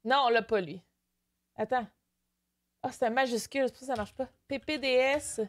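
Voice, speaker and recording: Speaking at normal speed in a high voice, this young woman from Canada has a Québécois French accent and chats casually on her live stream. She reads out her chat, mixes English in, and gets animated enough to break into excited squeals.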